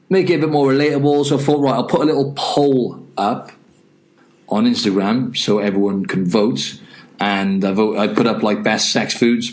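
A man hosting a casual solo podcast in an informal, candid, joking way, talking straight into a laptop microphone. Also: on the low side. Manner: informal, candid, jokey and self-mocking. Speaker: podcast host. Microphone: built-in laptop microphone instead of headset.

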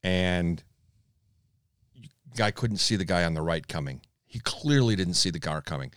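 A man co-hosting a podcast, telling animated stories and acting out what other drivers say. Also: sits low, a little slow, clean tone, no room sound, studio quality. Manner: animated storyteller who acts out other drivers. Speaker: podcast co-host. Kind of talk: casual conversation.

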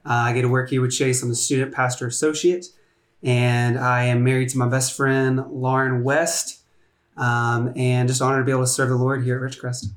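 A 23-year-old man who works as an associate student pastor, speaking in a friendly, relaxed way on a podcast. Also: mid-range voice, brisk. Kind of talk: casual podcast conversation. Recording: echoey room.

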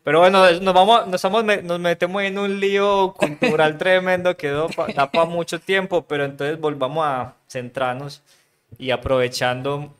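Smooth-voiced paisa host. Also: male voice, a little high, fairly even intonation, moderate pace. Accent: Medellín Colombian (paisa). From Medellín, Colombia. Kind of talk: casual interview.

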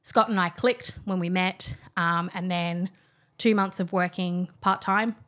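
In this relaxed guest conversation, a young woman who works as a wine trainer discusses her work, often using fillers and starting sentences over. Her voice is lowish, a bit bright and steady, and she speaks a little slowly.

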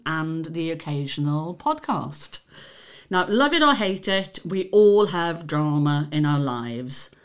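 Female podcast presenter and interviewer, a little on the low side. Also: clear, resonant tone. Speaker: podcast host.

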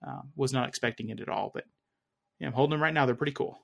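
A fast-talking man with a gravelly, slightly bright voice of medium pitch chats casually as a tech podcast co-host. He rambles a bit and hesitates, often correcting himself as he hunts for the right words.

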